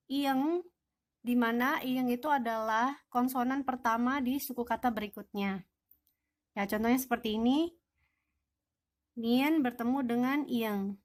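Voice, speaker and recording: A young woman teaching an online language lesson, patiently explaining rules and answering her own questions. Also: a little high.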